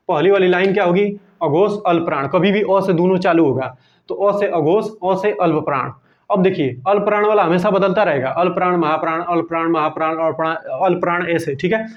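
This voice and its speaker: A man teaching grammar for an exam, reciting letters one by one, asking and answering his own questions, and often checking in with "ठीक है". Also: high voice. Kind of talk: exam-prep grammar lesson. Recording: dull lo-fi recording.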